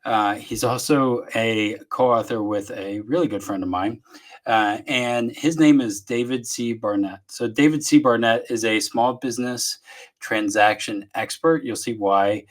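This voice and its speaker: This podcast host, a man from Southeast Texas, conducts a casual interview at home in his office, his Texan accent clear. He keeps a measured pace and a medium pitch, drifting along in a relaxed, filler-heavy ramble.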